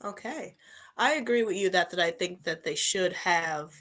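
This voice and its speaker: Casting note: twenties woman host, slightly low pitch, chatty and animated in casual conversation. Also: moderate pace, slight background noise. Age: 20s. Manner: chatty, frequent "like" fillers, lively when quoting others. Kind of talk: casual interview chat.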